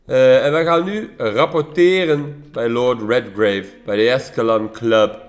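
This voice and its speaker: A man's voice: medium pitch, unhurried. Casual Dutch man commentating a game. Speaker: let's play host.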